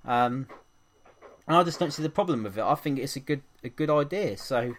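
A man from England hosts a casual podcast in a chatty, upbeat way, dotting his talk with ums. His pitch sits in a middle range, and he moves briskly from one item to the next. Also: lively intonation, a bit bright, a little hiss or hum. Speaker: podcast host.

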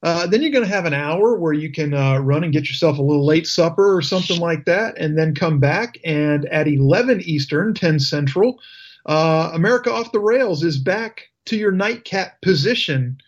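A man's voice: fairly high pitch, expressive, moderate pace, lo-fi sound. A male talk radio host delivering an indignant, sarcastic political rant. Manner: indignant, emphatic ranting with sarcasm.

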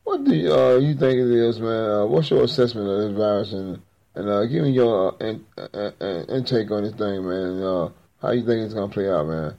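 A man's voice: fairly low pitch, expressive, a little fast, vocal fry, lo-fi sound. A man hosting a religious talk show, with a folksy, colloquial and preacherly way of talking. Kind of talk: preacherly show introduction and interview.

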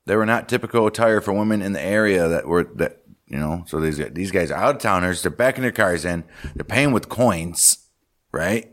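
A man's voice: deep voice, animated, normal speed, a bit bright. A man co-hosting a true-crime podcast, reading case notes aloud and then chatting about them casually. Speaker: podcast co-host.

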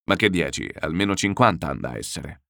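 Heavyset pushy landowner in a storybook reading, low voice, played by a male reader. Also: very animated, brisk, vocal fry, sharp tone, dry recording, clean studio sound, exaggerated voice. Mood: insistent. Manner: blunt, insistent bargaining. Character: burly stubborn bear-like male landowner, haggling.

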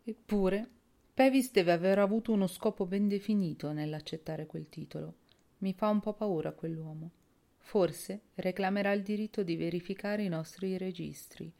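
A woman's voice: medium pitch, moderate pace, gravelly, dark tone, close to an everyday voice. A woman voicing a cool, businesslike young woman.

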